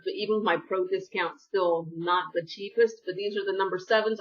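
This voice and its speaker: A beauty vlogger with a mid-range voice chats casually and rambles through a haul, dropping apologetic asides. She's sniffly from allergies and a bit off-mic, heard from a distance in dull, lo-fi sound.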